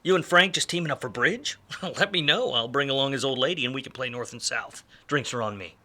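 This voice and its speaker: At a fairly quick clip, a man's medium-pitched voice sounds pushed and bright as he voices a cynical, boozing, quick-witted 1940s detective for a noir radio drama. He's sardonic and needling, full of slang.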